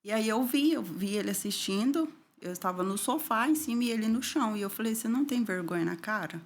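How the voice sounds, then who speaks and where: A middle-aged woman from Brazil recounts her own painful past in an interview. She talks at an ordinary middle pitch, and her voice falls quiet and near tears whenever the memories hurt. A faint noise sits under the recording. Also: expressive, fast. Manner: tearful, voice drops low and soft at painful moments. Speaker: interview guest. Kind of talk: emotional personal testimony.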